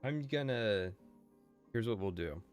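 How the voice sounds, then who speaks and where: A man's voice: lowish voice, expressive, a little slow, clear, resonant tone, soft background music. A man streaming live, chatting casually in a rambling, profane way with lots of fillers.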